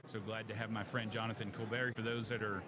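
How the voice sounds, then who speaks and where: A man's voice: on the low side, level tone, fast talker, pushed and bright. A man with a Texas accent hosting a podcast live from a convention showroom floor, friendly and conversational. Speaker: podcast host.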